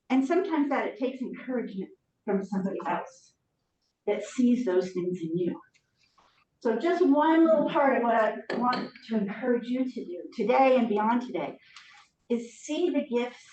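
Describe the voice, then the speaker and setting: Middle aged lady talking thru a mask, muffled, kinda high voice, chatty training talk, echoey room. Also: darkish tone. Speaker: ministry trainer leading a teacher training. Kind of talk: informal workshop talk. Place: echoey room, speaking to a group. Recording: muffled, echoey room recording, distant mic, rumble.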